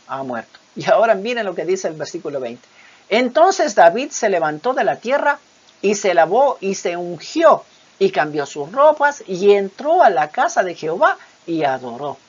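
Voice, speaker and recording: A female preacher with a mid-range, slightly rough and hoarse voice delivers a sermon. She reads Bible passages expressively, voicing quotations dramatically, and fills the gaps between points with hesitant filler words. The recording is dull and lo-fi.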